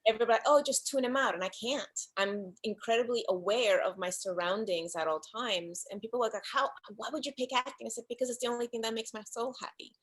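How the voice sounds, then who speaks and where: A woman guest from the Dominican Republic, chatting casually about her life in an interview over a video call, animated and often laughing. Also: on the high side, quick pace, few pauses, rough recording. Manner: animated storyteller, laughs often, acts out voices. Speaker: guest actress.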